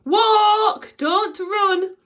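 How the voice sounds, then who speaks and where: A woman's voice: on the high side, big pitch swings, measured pace, pitched above the performer's own voice. A woman voicing a cruel, gloating female schoolteacher in a children's storybook reading, snapping and relishing her words. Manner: sharp, snapping, relishing each word.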